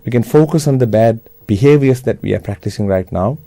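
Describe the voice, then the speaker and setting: A man with a Sri Lankan accent gives a Buddhist New Year talk in a measured, instructive manner with simple phrasing. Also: medium pitch, mellow, dry recording.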